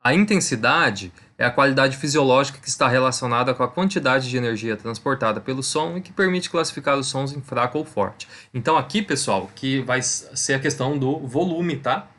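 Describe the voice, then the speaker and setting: A man's voice: medium pitch, expressive, fairly quick, few pauses, bright, forceful tone. A man teaches a recorded physics lesson in a mid-range voice. He explains step by step, repeats the key points, and checks in with his students after almost every sentence. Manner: conversational, checks in with "tá?" and "né?". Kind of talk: recorded online lesson over slides.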